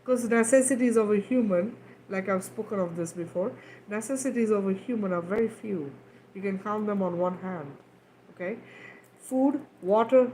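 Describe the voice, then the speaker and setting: A spiritual healer who grew up in Kenya leads a livestream talk and guided healing, loose and repetitive, often checking in with "right?". Her voice is medium-pitched and a little mellow. The audio is poor, with a little hiss or hum.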